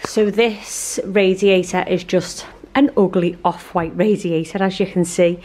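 A woman, chatting casually and ramblingly to camera as a home vlogger. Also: mid-range voice. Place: living room at home. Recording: clear background noise.

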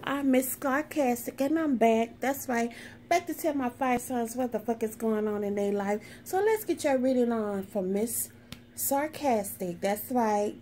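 A woman's voice: a little high, measured pace, dark tone, a little hiss or hum. A woman doing a sassy, profane tarot reading in a brash, sarcastic way, swearing constantly. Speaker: tarot reader.

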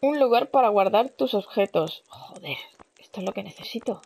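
A woman's voice: mid-range voice, animated, normal speed, gravelly, a little mellow. Chatty young Spanish woman gaming. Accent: Spain Spanish. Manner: chatty, swears casually, reacts aloud while playing. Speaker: gaming channel host. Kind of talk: casual let's-play commentary. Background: game music.

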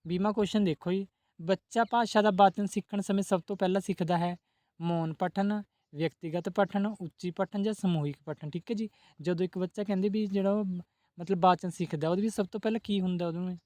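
High-voiced man teaching exam questions. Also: fairly even intonation, fairly quick, a little mellow, dry recording. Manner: repeats set phrases with polite ji, asks then answers. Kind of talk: exam-prep lesson.

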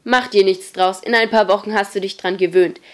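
A woman reading an audiobook, voicing a gruff, bossy teenage boy who leads the group and barks orders loudly. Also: mid-range voice, fairly even intonation, fairly quick, close to an everyday voice. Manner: loud, barking orders.

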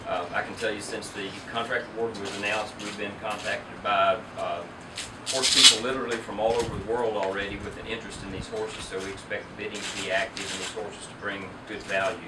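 A man's voice: on the low side, a little fast. A middle-aged man, an auction company owner, giving a businesslike statement at an indoor press event, picked up from a distance. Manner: businesslike, steady explaining. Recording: roomy, distant, loud air-conditioning hum.

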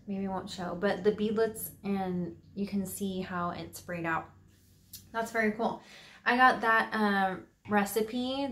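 A woman's voice: mid-range voice, a bit bright, slight background noise. A woman vlogger talking casually and upbeat through a DIY tutorial in her home office. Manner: chatty, upbeat, with fillers.

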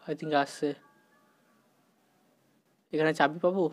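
A man giving excited, panicky commentary while playing a horror game, at times dropping to a hushed voice out of fear and mixing in English exclamations. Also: fairly high pitch, slow, soft background music. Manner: sometimes talks softly out of fear. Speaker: gaming YouTuber.

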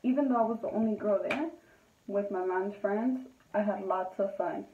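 A woman's voice: mid-range voice, normal speed, a little hiss or hum. A woman telling a casual storytime while doing her makeup, emphatic and full of swearing, with Spanish words mixed in. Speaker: beauty vlogger. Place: indoors at night. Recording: tinny, roomy, distant from mic.

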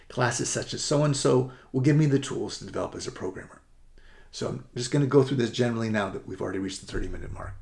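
Man, low gravelly voice, essay coach presenting, hurried, upbeat, self-correcting. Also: darkish tone. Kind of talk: presentation to parents and students.

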